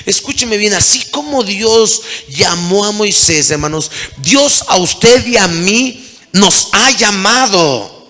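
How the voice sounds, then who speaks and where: A man's voice: sits high, animated, slow, bright, forceful tone. A man preaching a sermon as pastor, calling out to the congregation with mounting intensity. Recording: long hall reverb.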